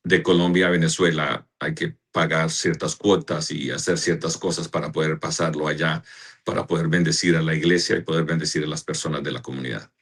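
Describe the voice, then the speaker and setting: A man, a pastor and church director, answering interview questions in a slow, earnest way as he searches for words. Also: extremely low pitch, flat delivery, fairly bright tone, husky.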